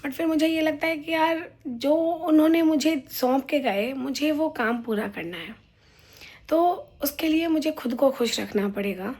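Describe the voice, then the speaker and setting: A woman talking casually to her viewers in a personal vlog, soft and subdued, sometimes dropping almost to a whisper. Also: high voice. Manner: coos and calls out playfully to her baby daughter. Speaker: vlogger.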